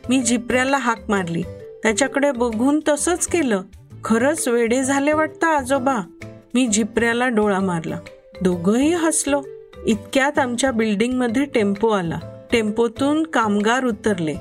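Woman storyteller, high voice, expressive first-person children's narration. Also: moderate pace, faint music behind. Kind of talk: reading a children's story aloud.

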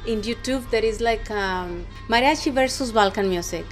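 A woman's voice: on the high side, moderate pace, faint music behind. A woman with a Mexican Spanish accent, a restaurant co-owner who talks in a casual interview and often restarts her phrases while she searches for English words.

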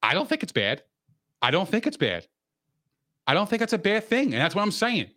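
Man, bright punchy voice, slightly high pitch, casual sports debate, argumentative, repetitive emphasis, slangy and sweary. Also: huge pitch swings, a little fast. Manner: argumentative, insistent, repeats points for emphasis; profane, slangy. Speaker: sports podcast co-host.

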